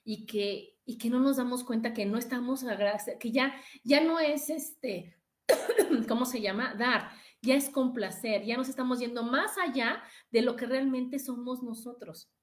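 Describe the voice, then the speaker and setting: A woman's voice: a little high, measured pace. A middle-aged woman with a Mexican accent, hosting a casual motivational talk with a confiding manner, many restarts and fillers. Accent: Mexican Spanish. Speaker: podcast host.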